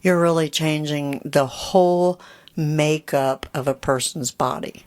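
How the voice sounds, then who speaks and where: Deep-voiced woman, candid and joking. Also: takes it slowly, darkish tone. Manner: candid, joking, laughs easily. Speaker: podcast co-host. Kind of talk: casual chat.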